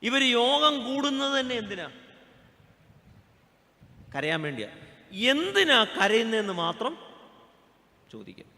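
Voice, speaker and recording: A male pastor preaches a humorous sermon in a church. His voice sits high and bright, and it carries a long hall reverb. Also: huge pitch swings, slow, long pauses. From Kerala, India. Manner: humorous, asks the congregation questions.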